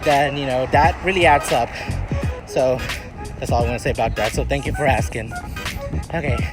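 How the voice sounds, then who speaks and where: A man's voice: mid-range voice, fairly even intonation, normal speed, music in the background. A man chatting casually as a vlogger, giving earnest, encouraging advice and rambling as he searches for words. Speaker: vlogger answering viewer questions.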